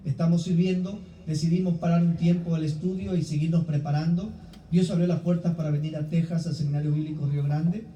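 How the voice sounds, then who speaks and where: With a dark tone and a voice on the high side, a middle-aged Ecuadorian-accented man speaks briskly and steadily as a guest preacher. He gives a sermon with a personal introduction to a congregation in a church hall, captured by a distant mic in a roomy recording with faint background noise.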